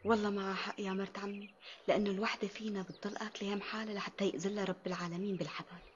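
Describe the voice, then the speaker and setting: An actress in a Syrian TV drama playing a sharp-tongued but soft-hearted co-wife, speaking with a Damascene accent. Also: female voice, medium pitch, flat delivery, rapid-fire, highs cut off, a little hiss or hum, natural voice. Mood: coaxing. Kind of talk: TV period drama acting.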